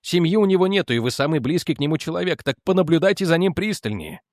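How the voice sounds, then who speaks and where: A man's voice: animated, quick pace, darkish tone, dry recording, studio quality. A man reading aloud as a firm, persistent male investigator who presses his argument. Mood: pressing. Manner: firm, pressing, lowered in pitch.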